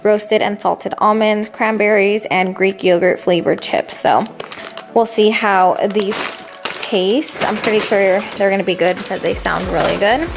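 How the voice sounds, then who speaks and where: Over music, a young woman with a medium-pitched, gravelly voice narrates her grocery haul vlog. She speaks in an unhurried, fairly even way, chatty and full of slang.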